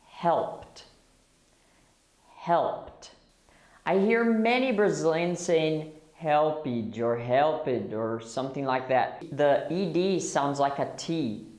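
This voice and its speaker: A man teaching English pronunciation, slowly repeating single words and patiently explaining the sounds. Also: a little high, lively intonation, a little mellow, echoey room. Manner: slow, patient, models words in isolation. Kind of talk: pronunciation drill lesson.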